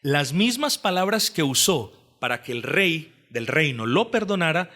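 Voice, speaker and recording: A man's voice: on the high side, big pitch swings, measured pace, sharp tone. A man preaching an expository sermon, reading scripture with rising emphasis, repeating phrases and asking the congregation questions. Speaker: pastor.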